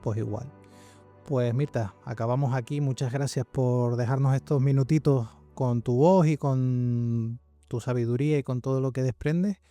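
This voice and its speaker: A man hosts a podcast interview, asking questions in a mellow, relaxed voice. He keeps the talk going with short, encouraging replies. Faint music plays behind him. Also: mid-range voice, moderate pace. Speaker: podcast host.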